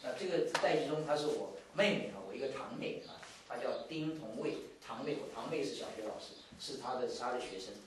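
A man preaching a sermon as a story, animated, with many restarts and repeated words. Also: mid-range voice, fairly quick, few pauses, far from the mic, background noise. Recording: echoey hall, voice from afar.

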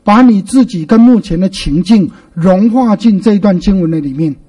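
High-voiced pastor preaching from a distance. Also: male voice, expressive, warm tone, slightly rough. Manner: asks the congregation questions and answers himself; repeats key words slowly for emphasis. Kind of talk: sermon.

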